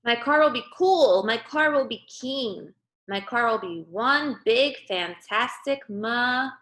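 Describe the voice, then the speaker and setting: A woman on the high side, animated and slow-paced, with a fairly bright tone. An early-grade teacher, she leads a remote read-aloud lesson for young children, explaining plainly and instructively and checking in often with a short "okay" or "right?"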